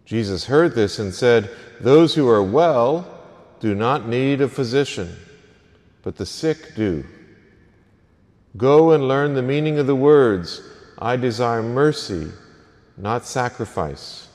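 A man's voice: mid-range voice, expressive, slow, darkish tone. A man serving as a priest, reading the gospel and then preaching to an early morning Mass in a church. He speaks in an earnest, plain manner and sometimes repeats a word as he goes. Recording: long echoing church reverb.

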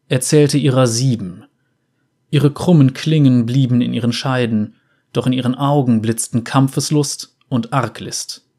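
A male narrator reads a dark fantasy tale. His voice is mid-pitched and measured, with a dramatic storytelling delivery.

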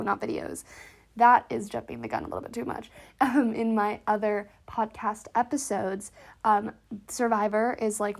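Stuffy, slightly wheezy higher-voiced woman podcasting. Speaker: podcast host. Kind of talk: casual solo podcast chat.

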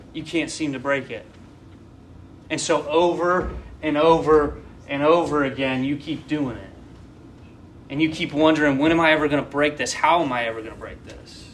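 A man's voice: fairly high pitch, a bit bright, a little hiss or hum. A man in his twenties giving a casual, rambling sermon and talking straight to his listeners. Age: 20s. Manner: rambling, conversational, addresses listeners directly. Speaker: preacher.

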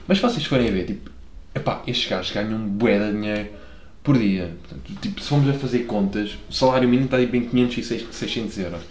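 Young lisbon guy rambling on his podcast, lisbon accent, loose slangy chat with plenty of swearing, mid pitch, echoey room at home. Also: a little hiss or hum. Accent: Lisbon Portuguese. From Lisbon, Portugal. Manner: rambling, slangy and self-deprecating, swears freely. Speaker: podcast host. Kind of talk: casual solo podcast monologue.

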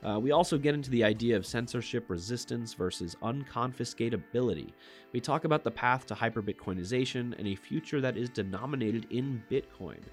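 Man, podcast co-host, casual chat, mid pitch, faint music behind. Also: fairly quick. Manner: self-correcting, joking.

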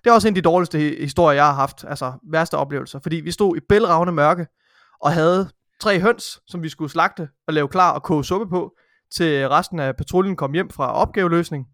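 A man's voice: on the high side, a bit bright, dry recording, clean studio sound. A man co-hosting a casual podcast, telling a story in a matter-of-fact way. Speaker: podcast co-host. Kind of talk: casual chat.

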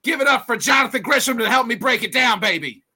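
A man's voice: very high-pitched, animated, fast talker, bright, forceful tone, slightly rough. A man hosting a casual sports talk show with profane, combative banter.

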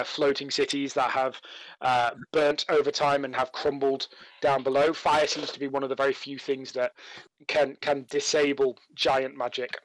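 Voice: medium pitch, no echo, rough recording. A game master narrating a tabletop game scene in a loose, descriptive way with fillers.

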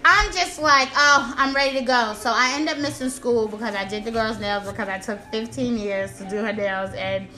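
A young woman tells a story in an animated, chatty way. Her bright, sharp voice sits a little high. She jumps into other people's voices as she goes. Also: normal speed, few pauses, poor audio. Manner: animated, acts out quotes with big pitch jumps, laughs through lines. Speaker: nail technician telling a story. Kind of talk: casual storytelling chat.

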